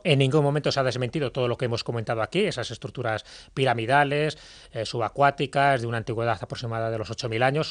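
A man's voice: medium pitch, a bit bright, dry recording, clean studio sound. A man speaking as an informal expert panellist on a podcast, discursive and emphatic in the way he explains. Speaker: panellist on a history and mysteries podcast.

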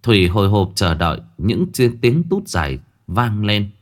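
A man narrating a ghost story in a dramatic, expressive reading. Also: lowish voice, moderate pace.

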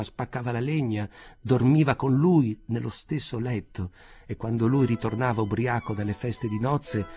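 A man narrating a literary audiobook in a measured, expressive storytelling manner. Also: mid-range voice, husky.

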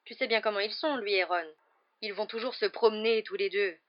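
A woman's voice: medium pitch, fairly quick, voice pushed up, close to an everyday voice. A woman voicing a stern, scolding middle-aged mother in a storybook reading, with a slightly dull recording. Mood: worried, insistent. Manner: sharp, scolding.

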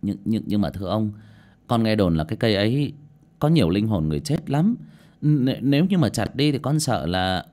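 A man's voice: lowish voice, big pitch swings, normal speed, dark tone. A man voicing a timid young laborer who stammers and speaks deferentially. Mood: fearful.

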